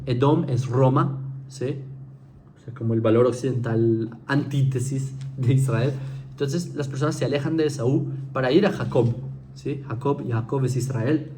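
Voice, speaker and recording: A man's voice: medium pitch, moderate pace, darkish tone, slight background noise. A man giving an informal spoken lecture to viewers, conversational, often checking in with "¿sí?" and restarting his sentences. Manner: conversational, keeps asking "¿sí?" to check understanding; frequent fillers and restarts, mocking mimicry.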